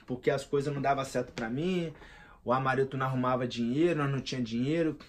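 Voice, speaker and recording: A man tells a personal story in a lively, slangy way, calling the listener "cara". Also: a little high. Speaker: vlogger.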